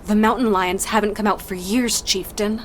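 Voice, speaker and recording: Woman playing an earnest fantasy clanswoman, medium pitch. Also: fairly even intonation, normal speed, slight background noise, natural voice. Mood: earnest challenge. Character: supportive female fantasy clanswoman, respectfully challenging. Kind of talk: dark fantasy audio drama acting.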